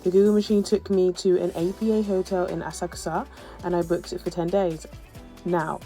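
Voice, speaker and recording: A woman tells her travel story in a voice-over, chatty and funny, tossing in playful asides. Her voice sits a little low and has a gravelly edge. Soft music plays faintly underneath. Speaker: travel vlogger. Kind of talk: voice-over narration of a travel vlog.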